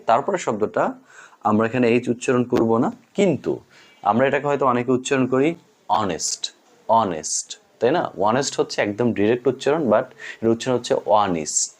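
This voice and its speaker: A Bengali-speaking man teaching English pronunciation in a lesson, patiently saying each word twice. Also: mid-range voice. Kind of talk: spoken language lesson.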